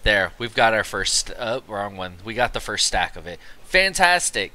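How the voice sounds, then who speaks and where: A young man giving a casual, rambling game guide commentary, excited and tired after work. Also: fairly low pitch. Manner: excited, rambling, quick asides. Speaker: gaming video creator.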